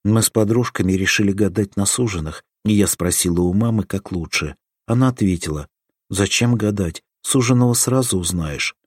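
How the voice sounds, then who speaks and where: A man's voice: on the low side, normal speed, husky, dry recording, studio quality. A man voicing an affectionate young village girl. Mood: tender.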